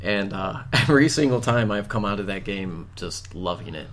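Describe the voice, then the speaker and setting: A man's voice: on the low side, animated, moderate pace, fairly bright tone. A man hosting a casual group chat, rambling with fillers and laughing often.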